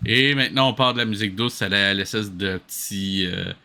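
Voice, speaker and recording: Over the cartoon's soundtrack music, a Quebec French-accented commentator ridicules an old cartoon with sarcastic, exasperated remarks and the occasional swear word, all in a casual tone. His fairly low voice sounds pushed and bright, and he talks fairly quickly.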